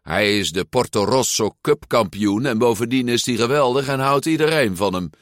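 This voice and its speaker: A man's voice: medium pitch, lively intonation, normal speed, no echo, studio quality, voice pushed up, lightly acted. A man voicing a boastful, mocking teenage boy bully in a storybook reading. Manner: mocking, showy.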